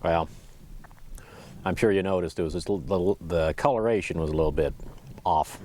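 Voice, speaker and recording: Deep-voiced folksy man chatting casually. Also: normal speed, mellow, a little hiss or hum. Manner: folksy, easygoing, chuckles to himself. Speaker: vlogger. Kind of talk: casual, rambling solo chat. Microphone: lapel mic.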